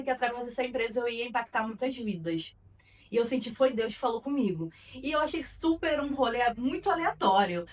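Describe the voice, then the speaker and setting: A Carioca woman with a high voice tells her story on an interview podcast. She speaks earnestly, pausing on fillers as she goes. Her voice sits a little away from the mic. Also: fairly bright tone, recorded from a distance. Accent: Carioca Brazilian Portuguese. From Rio de Janeiro, Brazil. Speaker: guest, marketing consultant.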